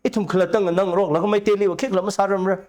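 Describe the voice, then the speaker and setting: A man speaking at length as a talk show guest, giving long animated explanations with rising emphasis. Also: sits high, rapid-fire. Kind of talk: conversational discussion.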